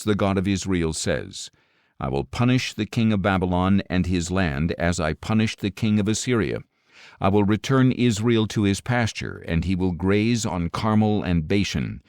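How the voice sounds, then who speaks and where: Reading scripture as an audiobook narrator, a man with a low, deep, slightly mellow voice delivers it solemnly and dramatically. His pitch swings widely and his measured, emphatic phrases drop at their close. The recording is dry and close, with no room sound.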